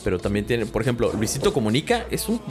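A man's voice: fairly low pitch, big pitch swings, quick pace, over loud music. A man with a Mexican Spanish accent in a casual chat, blunt and slangy with dry jokes.

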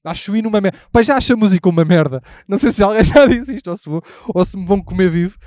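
Fast, high-voiced irreverent Portuguese man. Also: expressive, a little mellow, no room sound, clean studio sound. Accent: European Portuguese. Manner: irreverent, swears a lot, rambling with many restarts and asides. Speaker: podcast host. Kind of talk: casual rambling monologue while walking outdoors. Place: outdoors on a city street. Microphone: handheld mic while walking in the street.

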